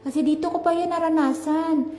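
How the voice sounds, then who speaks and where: A high-pitched young woman vlogs as she walks down a street, chatty and animated, calling out to her viewers often. The recording has an echoey, roomy ring. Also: fairly quick. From Philippines. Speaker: travel vlogger. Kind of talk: casual vlog chat while walking. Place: outdoors on a street.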